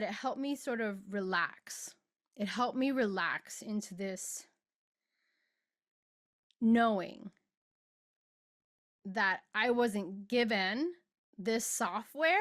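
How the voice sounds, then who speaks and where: A middle-aged woman hosting a podcast and giving an earnest, emotional spiritual monologue, stretching out words for emphasis. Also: on the high side. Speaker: podcast host and spiritual guide.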